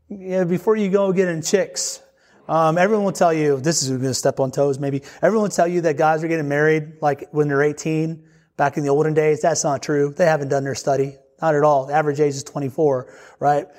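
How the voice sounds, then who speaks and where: A man's voice: on the high side, darkish tone. A man preaching a sermon to young men in a casual, joking, conversational way. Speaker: pastor.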